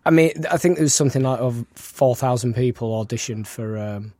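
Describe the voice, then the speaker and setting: A man's voice: mid-range voice, brisk, darkish tone, no room sound. A man co-hosting a podcast, chatting casually and retelling film trivia at length. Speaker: podcast co-host.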